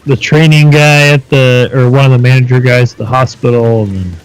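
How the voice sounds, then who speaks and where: A man's voice: mid-range voice, fairly even intonation, fairly quick, clear, resonant tone, rough recording. A man co-hosting a podcast, chatting casually and self-deprecatingly while playing a video game, swearing now and then. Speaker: podcast co-host.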